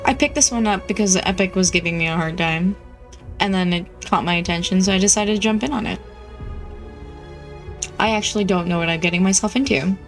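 A woman's voice: lowish voice, brisk, soft background music, low-quality recording. A woman streamer giving casual, wry commentary as she plays a game, talking to herself. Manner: chatty, wry, talks to herself. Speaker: gameplay streamer. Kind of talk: casual let's-play commentary.

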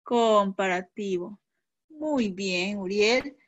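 A woman's voice: medium pitch, drawn-out words, dry recording, muffled recording. A woman teaching an online class to schoolchildren, patient and encouraging, checking often that they follow.

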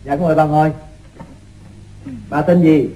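A kindly village doctor from an old radio show , acted by a man. His voice is a little high, with a Southern Vietnamese accent, and he is familiar, reassuring and gently chiding. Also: fairly even intonation, normal speed, lo-fi sound, lightly acted. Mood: courteous. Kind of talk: radio drama acting in the manner of an old radio show.

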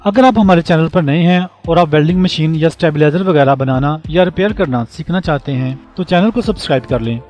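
A man with a high-leaning, slightly mellow voice delivers a scripted tutorial voice-over, briskly and with few pauses, explaining things plainly step by step. Background music plays behind him.

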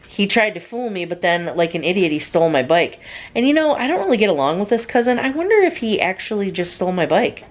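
A young woman vlogger telling a personal story in a casual, chatty way, full of "like" and "um.". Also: on the low side. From United States. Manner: chatty, lots of "like" and "um".

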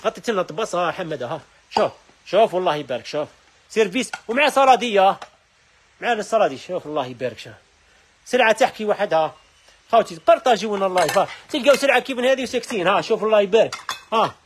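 Live-streaming sales from a household goods shop, a man with an Algerian Arabic accent calls out quickly and repetitively for people to see the products. His voice is high-pitched, animated and slightly rough.

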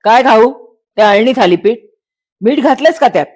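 A woman voicing a short-tempered young husband who turns gentle and coaxing, in a dramatized story reading. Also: fairly low pitch, expressive, normal speed, lightly acted. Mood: irritated. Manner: sulky and curt, later gentle and coaxing.

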